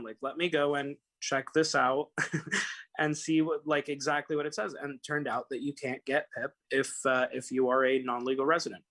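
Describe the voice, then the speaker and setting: Slightly high and fairly bright, this man's voice belongs to a young personal injury attorney from Los Angeles. He's a guest in casual call-in conversation, rambling through many fillers and restarts.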